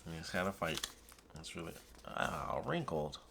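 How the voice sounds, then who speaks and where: A man who sounds high, rambling casually in a dazed, drifting stoner manner as he vlogs and trails off. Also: lively intonation, measured pace, creaky, background noise. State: high, intoxicated. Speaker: vlogger. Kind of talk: rambling casual unboxing vlog.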